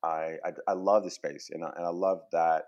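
Deep-voiced New man, earnest. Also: fairly even intonation, moderate pace, muffled recording. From New York, USA. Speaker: guest. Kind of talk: casual interview chat.

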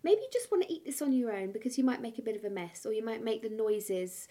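Woman host, a touch higher voice, playful and teasing chat interview. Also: animated, quick pace. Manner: playful, teasing, drops to a hushed voice for effect. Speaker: podcast host.

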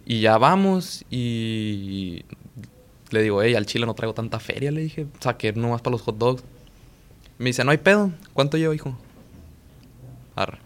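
A man's voice: mid-range voice, expressive, unhurried. Slangy young Mexican man telling a story. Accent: Mexican Spanish. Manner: slangy, profane, rambling, quotes himself and others. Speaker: podcast co-host. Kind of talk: casual storytelling chat.

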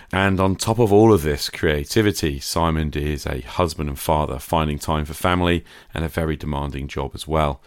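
Recovering from a cold, the British podcast host chats casually in a very deep voice, wandering off on tangents, poking fun at himself, and using plenty of fillers. The sound is clean studio audio with no room echo.

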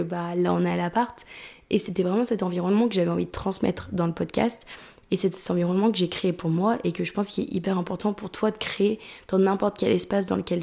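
A woman in her twenties hosts a podcast from her apartment, her voice lowish, creaky and dark in tone. She chats casually and reflectively in a confiding way, switching between French and English mid-sentence.

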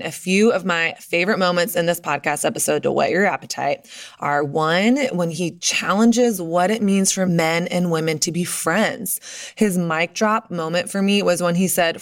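A woman hosting a podcast in a chatty, emphatic, confiding way, talking straight to listeners with a towel over her head and microphone. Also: low-pitched. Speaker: podcast host. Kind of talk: upbeat scripted podcast introduction with casual asides, addressed to listeners. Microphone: computer and microphone under a towel draped over her head in an office.

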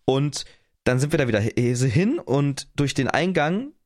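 A man's voice: on the high side, a little slow. Young man telling a story casually. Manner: animated storytelling, acts out quoted voices. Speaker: podcast co-host. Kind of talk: casual chat.

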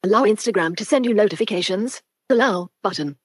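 A woman's voice: mid-range voice, animated, a little fast, breathy edge, no room sound, studio quality. A synthetic female screen reader voice played through a Bluetooth speaker, reading out on-screen labels and buttons. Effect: synthetic speech played through a Bluetooth speaker.

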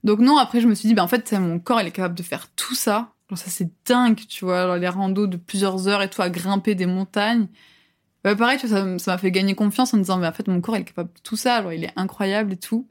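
A woman's voice: mid-range voice, fast talker. Chatty young woman, filler-heavy. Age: 20s. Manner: chatty, lots of fillers, laughs often. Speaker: podcast guest. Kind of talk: casual chat.

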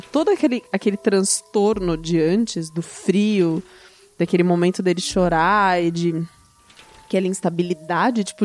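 A woman telling a story in a casual chat, animated and often laughing. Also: mid-range voice. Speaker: storyteller guest.

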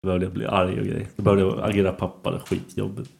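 A man's voice: sits low, little pitch movement, gravelly, darkish tone, husky. A man from Sweden who is a father, co-hosting a podcast in casual chat, blunt and teasing with crude jokes. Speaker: podcast co-host.

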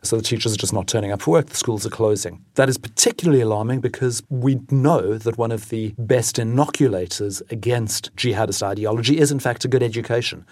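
A man, an Africa editor, explaining in a measured way what he saw on a reporting trip, in a news podcast interview. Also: medium pitch, darkish tone, dry recording, studio quality.

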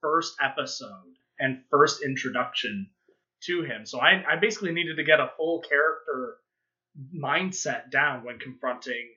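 A man's voice: medium pitch, normal speed, pushed and bright, dull audio. A man who voices characters on a podcast, talking through his process in a casual, hesitant way with easy laughs. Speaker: podcast voice actor. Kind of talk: casual panel chat.

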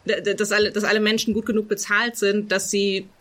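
A woman's voice: medium pitch, level tone, a little fast, fairly bright tone. A woman co-hosting a podcast, earnestly building an argument with repeated starts. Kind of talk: casual discussion.

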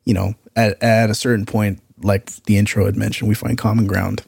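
A man's voice: fairly low pitch, little pitch movement, fairly quick, creaky, darkish tone, breathy edge, dry recording, studio quality. A man co-hosting a podcast, chatting casually and reflectively with everyday slang. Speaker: podcast co-host. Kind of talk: casual chat.

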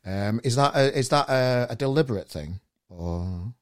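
A man's voice: mid-range voice, expressive, normal speed. A man hosting a podcast in casual chat, rambling and stumbling over his questions. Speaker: podcast host.

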